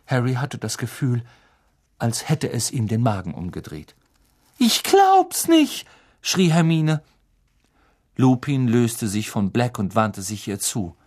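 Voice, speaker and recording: A man narrating a novel as an audiobook in a dramatic, deliberate reading. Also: medium pitch, a little mellow, slightly rough.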